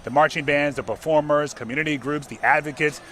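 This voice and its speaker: Male American parade commentator, slightly high-pitched, informal and explanatory, live outdoors with light street noise. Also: steady tone, fairly quick, a bit bright. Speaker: parade broadcast co-anchor. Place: outdoors beside a city traffic circle. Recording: faint outdoor city and traffic noise.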